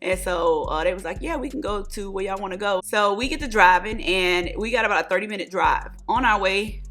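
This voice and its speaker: A woman, telling a story to her viewers while doing her makeup, chatty and animated, calling them y'all and honey. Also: medium pitch, brisk, soft background music. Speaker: beauty vlogger.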